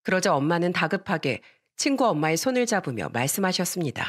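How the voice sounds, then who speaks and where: A woman calmly reading a first-person story as scripted narration. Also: on the low side, fast talker. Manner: calm, steady narration.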